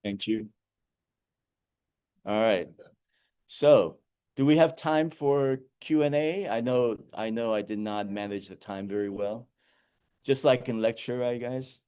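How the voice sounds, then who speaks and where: A man giving a lecture, telling Zen koans with animated storytelling and frequent chuckles. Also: medium pitch, takes it slowly, pauses often, clean tone.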